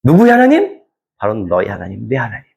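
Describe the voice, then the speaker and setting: A male pastor preaching a sermon to his congregation, swinging from hushed lines to emphatic, near-shouted ones and putting questions to the listeners. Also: on the low side, huge pitch swings, fairly quick, gravelly.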